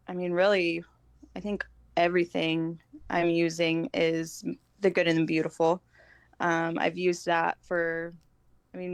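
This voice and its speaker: A woman with a fairly low, smooth voice, recorded dry, is a guest on a podcast. She's a homeschooling mother in a relaxed, halting conversation, and she keeps slipping "like" into what she says.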